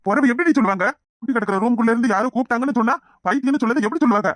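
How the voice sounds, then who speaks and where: Cartoon: an exasperated Kanyakumari husband, high, very fast, dry studio. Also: male voice, fairly bright tone, dry recording. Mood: scolding. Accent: Kanyakumari Tamil. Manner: brisk, exasperated. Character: impatient young village husband. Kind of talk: cartoon voice acting.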